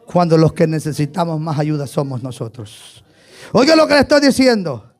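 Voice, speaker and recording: High-voiced shouting Pentecostal preacher man. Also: expressive, moderate pace. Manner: swings from shouted fervor to soft hushed preaching; repetitive chanted cadence. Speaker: pastor. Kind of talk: Pentecostal sermon.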